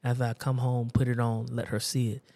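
A male preacher telling a personal story in a conversational sermon, repeating himself for emphasis. His voice sits at an ordinary middle pitch. The recording is dry with almost no room sound. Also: monotone, a little fast, gravelly, dark tone, no room sound.

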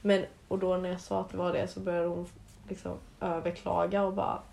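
A woman co-hosting a casual podcast with a lowish voice. She announces segments and teases her co-host in a dry way. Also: level tone, creaky, darkish tone, a little hiss or hum. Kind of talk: casual chat.

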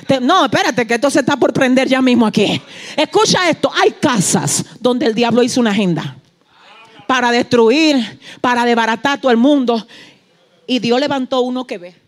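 A woman preacher, giving a fervent sermon that swings from soft asides to shouted peaks and acts out quoted dialogue. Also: fairly high pitch, expressive, normal speed. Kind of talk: Pentecostal-style sermon.

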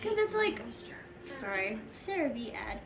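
A woman's voice: sits high, big pitch swings, a little slow, gravelly, noisy background. A young woman co-hosting a podcast in casual chat, laughing often and trailing off mid-sentence. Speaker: podcast co-host.

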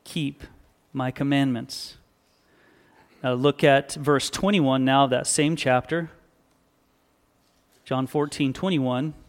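Guy preaching in church, reads verses then explains, slows down to stress stuff, clear smooth voice. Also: medium pitch, steady tone. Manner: measured, emphatic, slows to stress key words. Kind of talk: sermon reading and explaining scripture.

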